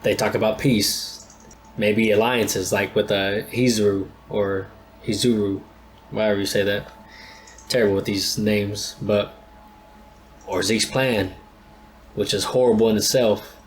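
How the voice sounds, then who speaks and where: Man, low voice, casual rambling reaction commentary, faint hiss behind. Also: little pitch movement, measured pace, pauses often. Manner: laid-back, rambling, thinks aloud with many restarts. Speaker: anime reaction channel host.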